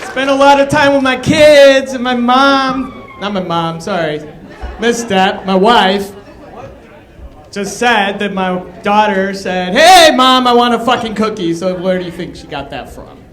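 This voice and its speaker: A man in his thirties working a comedy club crowd with loud, punchy stand-up delivery. His voice sits high for a man, and the sound rings through an echoey club room. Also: a little slow. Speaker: stand-up comic. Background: audience laughter.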